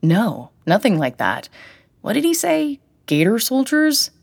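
A woman voicing an anxious, earnest young granddaughter who pleads in a raised, quick voice. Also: wildly swooping pitch, creaky, darkish tone, breathy edge, dry recording, clean studio sound, heavily acted. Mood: pleading, anxious. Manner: pleading, higher and quicker than the narration.

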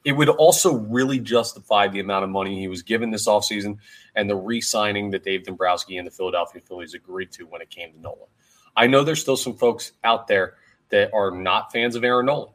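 A man with a fairly low voice hosts a solo sports podcast. He talks in an energetic, conversational way, with plenty of "like" and "uh." His voice sounds a bit worn and hoarse. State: hoarse, voice going. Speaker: podcast host.

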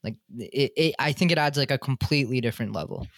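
A man's voice: medium pitch, fast, a bit bright, no echo. A man talking casually in an online discussion over a video call, rambling a bit with sarcastic asides and lots of fillers.

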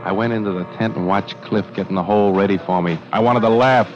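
Hard-boiled carnival showman, male actor, low voice, tense clipped narration, music behind, lo-fi old radio. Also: fairly even intonation, fast talker, natural voice. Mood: grim. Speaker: narrator and lead character. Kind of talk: 1940s radio acting.

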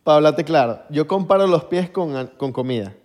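This young Venezuelan-accented podcast co-host keeps things light, joking in an animated, slangy way during casual chat. The pitch is on the high side, the pace moderate, and the sound carries the feel of a large hall.

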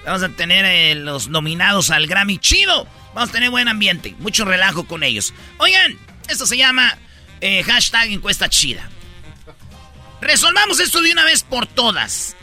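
A man hosting a comic radio show, loud and playful like an announcer. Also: high-pitched, very animated, normal speed, faint music behind.

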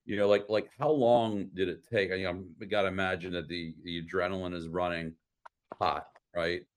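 A man's voice: deep voice, flat delivery, moderate pace, very noisy. A man hosting a podcast, asking long rambling questions full of "you know" and restarts. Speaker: podcast host. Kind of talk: interview questions.

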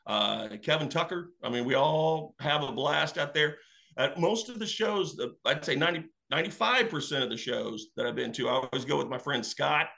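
Guy telling wrestling-fan stories, bright voice, kinda high, acts out the quotes. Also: moderate pace, vocal fry. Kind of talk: casual storytelling.

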